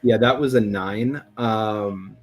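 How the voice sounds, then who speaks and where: A man's voice: lowish voice, takes it slowly, husky. A man playing a tabletop role-playing game, narrating his character's actions in a casual way.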